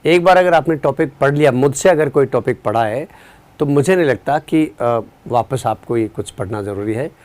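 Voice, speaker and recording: A weary male teacher wraps up a long day by running a live online exam-prep class. His voice sits at a medium pitch as he explains slowly and easily, asks students questions and handles their chat replies.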